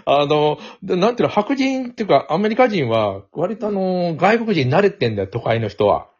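A man's voice: sits high, big pitch swings, fairly quick, darkish tone, slightly rough. A man hosting a casual podcast chat, rambling and laughing often as he talks. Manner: rambling, chatty, laughs often, mixes standard and Kansai speech. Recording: dull lo-fi sound.

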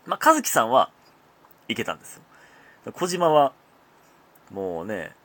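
A man's voice: medium pitch, very animated, measured pace, sharp tone. A man with a Kansai accent hosting his own casual solo talk show, chatty and often laughing as he talks. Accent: Kansai Japanese. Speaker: comedian podcast host.

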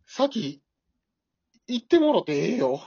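A woman's voice: mid-range voice, very animated, slow, gravelly, warm tone, breathy edge, dry recording, full character voice. Woman playing a timid old Kansai husband. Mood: grumbling. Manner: whiny, easily scared, blurts out. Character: timid grumbling elderly husband. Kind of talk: amateur radio drama. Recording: dull dry lo-fi recording.

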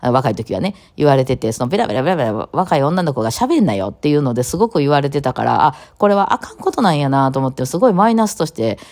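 A woman with a Kawachi Osaka accent and a low, gravelly voice, chatting on her own in a rapid-fire, piling-on way. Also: sing-song, darkish tone. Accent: Kawachi Osaka dialect. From Kawachi, Osaka, Japan. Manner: rapid-fire, piling on one topic after another. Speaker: radio talk host. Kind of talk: casual solo talk.

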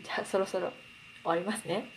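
A woman from Akita chats casually as a podcast host. Her voice sits at an ordinary pitch and is conversational and informal. Faint room ambience sits behind her. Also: steady tone, fast, a little hiss or hum, rough recording. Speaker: podcast host who teaches Akita dialect. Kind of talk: casual chat.

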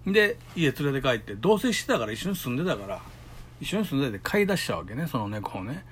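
Middle-aged man, Kansai accent, husky and animated; chatty solo storyteller. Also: medium pitch, quick pace. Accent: Kansai Japanese. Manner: chatty storytelling, acts out quoted voices. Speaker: solo podcaster. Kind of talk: casual solo talk.

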